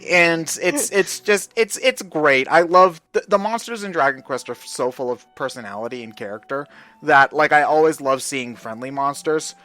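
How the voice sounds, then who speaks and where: Bright-voiced young man chatting casually. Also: a little high, lively intonation, moderate pace, no echo, faint music behind. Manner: enthusiastic, rambling, with many fillers. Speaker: host. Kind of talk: casual game discussion.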